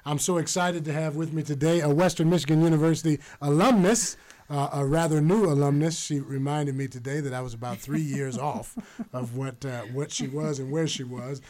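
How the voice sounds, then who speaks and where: A middle-aged man hosting a university podcast interview, enthusiastic and quick to laugh. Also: fairly high pitch, fairly even intonation, a little mellow. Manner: enthusiastic, exclaims "wow" often, laughs easily. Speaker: podcast host. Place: university audio studio.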